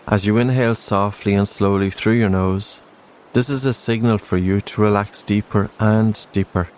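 A man narrating a guided relaxation in a slow, soothing sleep-story manner, gentle and unhurried, with spaced-out phrases. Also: fairly low pitch, steady tone, a little hiss or hum.

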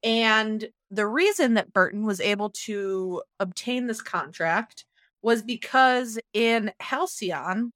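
A woman co-hosting a casual TV recap, briskly steering the talk and retelling scenes. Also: medium pitch, a bit bright, dry recording, studio quality. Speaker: podcast co-host.

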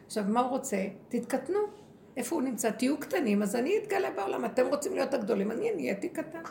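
Animated woman teaching with gravelly edge. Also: sits high. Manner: animated, acts out quoted speech. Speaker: women's group teacher. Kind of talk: spiritual lesson. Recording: echoey room with faint ambient noise.

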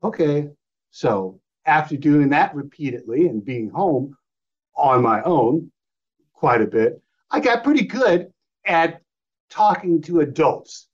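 A man's voice: on the high side, sing-song, takes it slowly, husky. A middle-aged man telling a personal story as an interview guest, in a loose, rambling way, acting out old phone calls in different voices. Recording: slightly dull lo-fi audio.

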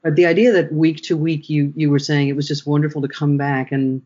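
A man, a workshop trainer, talking through his ideas in a relaxed interview, often restarting his sentences as he thinks. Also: a little high, a little fast, muffled recording. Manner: reflective, thinks aloud with frequent restarts.

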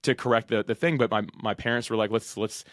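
Quick-talking guy, 30s, super eager podcast guest, dry close mic. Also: medium pitch, dry recording. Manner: energetic, enthusiastic, lots of fillers. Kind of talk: podcast interview.

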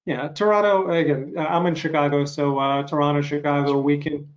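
A man interviewing a guest on a video call, rambling and self-deprecating, with frequent halting restarts. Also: on the high side, steady tone. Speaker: interviewer host. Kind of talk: casual interview chat.

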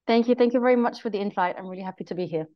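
A woman's voice: medium pitch, rapid-fire, lo-fi sound. A woman researcher answering interview questions on a podcast, explaining carefully with frequent ums and uhs. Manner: careful, explanatory, many um and uh fillers. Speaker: guest researcher.

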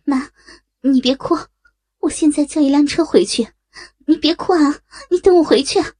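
A woman's voice: sits high, normal speed, darkish tone, pitched above the performer's own voice, lightly acted. A woman doing a young coaxing daughter. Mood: coaxing, worried. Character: young college-aged daughter.

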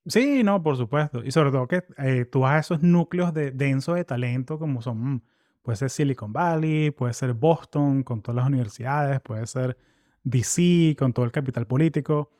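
A man's voice: medium pitch, moderate pace, no room sound. A man, hosting a casual interview in a chatty, slangy way. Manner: chatty, slangy, animated asides. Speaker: podcast host.

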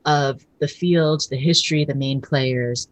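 A woman's voice: very deep voice, fairly even intonation, a little slow, no echo. A woman hosting a podcast, reading formal introductions and asking questions. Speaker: podcast host. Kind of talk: podcast interview.

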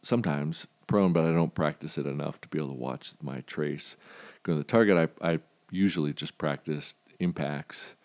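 A man hosting a podcast, talking through shooting technique in a rambling, halting way, with many fillers and restarts. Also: a bass voice, darkish tone. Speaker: podcast host. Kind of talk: casual monologue on shooting technique.

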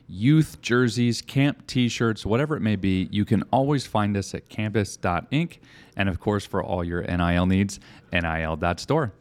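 A man co-hosting a casual business podcast, talking in a relaxed, conversational way. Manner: relaxed, conversational, pitches merchandise. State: out of breath. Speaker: co-host.

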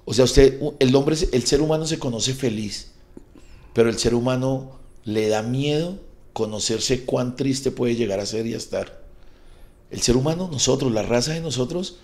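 A man's voice: medium pitch, moderate pace, a little mellow. A man with a Colombian accent, a comedian guest on a podcast, telling rambling, profane, jokey stories in casual chat.

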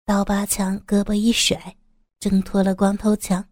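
A woman calmly narrating a crime story as a storyteller, in an even reading voice. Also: mid-range voice, unhurried, no room sound, studio quality.

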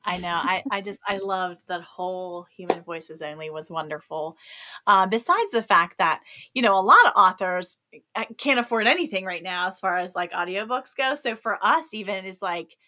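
A woman hosting a relaxed interview, with a bright, clear voice. She cheers her guest on and laughs easily. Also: medium pitch, moderate pace. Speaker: podcast host and author. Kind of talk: casual interview chat.

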